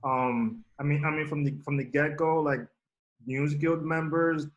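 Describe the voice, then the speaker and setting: A man's voice: on the high side, steady tone, a little slow, muffled recording. A man who works as a newspaper journalist, speaking hesitantly in a panel discussion and filling his sentences with "like" and "you know". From Pittsburgh.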